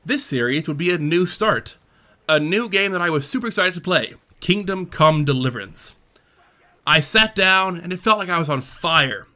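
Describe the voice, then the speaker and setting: A man who runs a gaming channel, speaking in a candid personal monologue, earnest and reflective with halting restarts. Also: a little high, expressive, bright, forceful tone. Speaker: gaming YouTuber.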